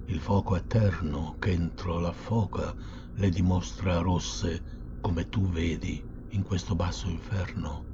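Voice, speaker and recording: A man voicing a wise, calm old poet guide, speaking softly, slowly and solemnly in a dull recording with steady hiss. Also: low voice. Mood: gentle.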